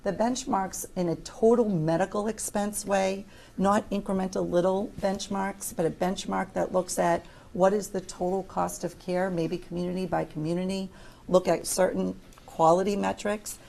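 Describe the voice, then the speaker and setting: An American woman speaking as an insurance executive on a panel, measured and deliberate with a dry touch. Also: medium pitch, fairly even intonation, vocal fry, dark tone. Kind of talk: panel discussion remarks. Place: conference room panel.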